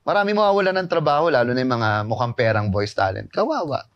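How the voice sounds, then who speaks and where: Animated filipino guy chatting in an interview, very lively pitch, dry close mic. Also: fast talker, dry recording, lo-fi sound. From Philippines. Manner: animated, emphatic, acts out voices. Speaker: voice actor guest. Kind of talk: casual interview chat, Tagalog-English mix.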